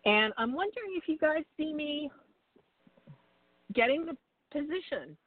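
The tinny car speakerphone line carries a woman's high-pitched, expressive voice at a measured pace, and the recording itself is dry. She is on a hands-free call from a moving car, chatty and apologetic in a casual call-in chat, laughing often.

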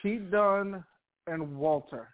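A man with a high voice chats casually as a radio co-host. He is blunt and presses his questions insistently. He sounds like he is on a thin phone connection. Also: slow. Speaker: co-host on a wrestling radio show. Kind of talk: casual opinionated chat. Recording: tinny phone-like call.

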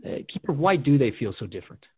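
In a dramatized radio dialogue, a male host questions his partner in an earnest, reflective way, his mid-range voice fast, sing-song and a little breathy, rising and falling often. The audio is close, dry, slightly dull and lo-fi.

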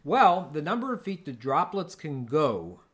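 A man hosting a podcast, answering a listener's question in a relaxed, explanatory way with fillers and small jokes. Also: fairly high pitch, a little slow. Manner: explanatory, joking, with frequent fillers. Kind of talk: casual podcast chat and explanation.

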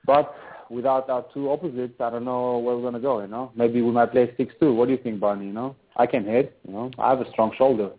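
A man's voice: mid-range voice, fairly even intonation, fast talker. A man from Albania, a professional volleyball player, chatting as a guest on a phone call, rambling and saying "you know" constantly. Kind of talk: casual phone interview. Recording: tinny phone line.

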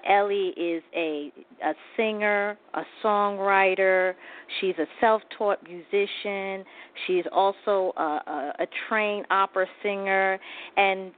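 Female host, gushing and halting, phone-quality audio. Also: medium pitch. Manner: effusive, halting with fillers. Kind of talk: radio interview. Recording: tinny phone-like line.

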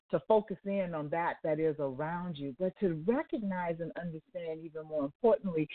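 Woman, 60s, church elder talk host; lower voice, emphatic repetition, phone-line sound. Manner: effusive, repeats phrases for emphasis.

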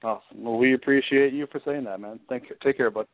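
A man's voice: mid-range voice, fast, dry recording. A man hosting a sports talk show in a casual, loose, chatty way, through a phone-like connection. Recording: tinny, phone-like internet radio.

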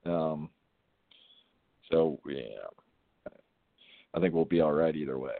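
A man's voice: rumbling low, slow pace, creaky, dry recording. A man calling in to a radio show over the phone, chatting casually and agreeably about sports. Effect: heard over a phone line. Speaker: radio call-in caller. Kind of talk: casual sports fan chat. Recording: tinny dry phone line.

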